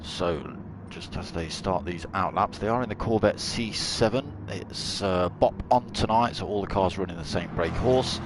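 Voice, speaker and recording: Male race commentator, lowish voice, chatty and jokey, loud engine noise behind. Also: normal speed, hardly any pauses. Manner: chatty, jokey, with dad jokes. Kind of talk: live sim-racing commentary. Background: racing car engines.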